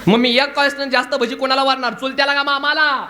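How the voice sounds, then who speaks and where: High-voiced joking village preacher, man. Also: level tone, fast, heavy background noise. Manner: bantering call-and-response, coaxing the crowd to shout. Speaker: kirtan preacher. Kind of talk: humorous devotional sermon to children.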